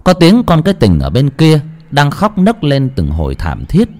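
A man narrating a horror story in a dramatic storytelling style. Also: moderate pace. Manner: expressive, sweeping pitch.

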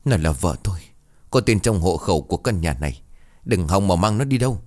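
A man's voice: low voice, animated, fairly quick, a little mellow, no echo, studio quality. A man voicing a drunk, callous husband who talks in a rude, dismissive snarl in a storybook tale. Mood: scornful.

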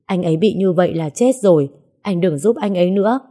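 A devoted young woman from an audio story, coaxing and pleading with stubborn persistence, as the woman narrating plays her. Her voice is low-pitched and soft-toned, with a mellow warmth. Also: fairly quick, natural voice. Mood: desperate pleading.

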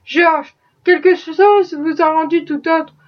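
A woman's voice: extremely high pitch, fairly even intonation, takes it slowly, lo-fi sound. A woman voicing a kindly, fretful old male factory owner with flustered, fatherly concern.

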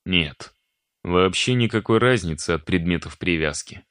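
A man voicing a calm young man who speaks in an even, level tone. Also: low voice, moderate pace, no echo, clean studio sound. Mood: flat. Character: calm, flat-toned young man, analytical.

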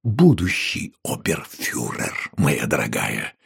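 A man voicing a calm, gravelly innkeeper. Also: normal speed, full character voice. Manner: calm, insistent, low-key. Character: calm, scheming middle-aged male innkeeper. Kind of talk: audiobook character voice.

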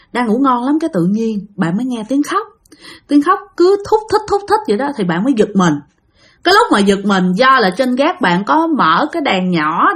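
Brief: Southern Vietnamese woman, chatty storytelling host, talks straight to listeners, fairly high voice. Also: fairly bright tone, slightly rough. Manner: chatty, addresses listeners directly. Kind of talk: casual storytelling narration.

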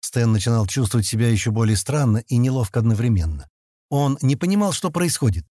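A man narrating an audiobook in a calm, expressive storytelling manner. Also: mid-range voice, brisk, dry recording, studio quality. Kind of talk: audiobook reading.

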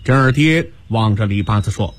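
A male storyteller narrating a radio story in an animated, expressive manner. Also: on the low side, normal speed. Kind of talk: dramatic Chinese storytelling narration.

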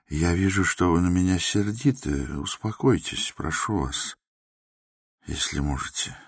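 A man voicing a meek, soft-spoken middle-aged doctor in an audiobook, talking quietly and apologetically. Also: rumbling low, dry recording, studio quality, heavily acted. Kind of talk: audiobook character voice.

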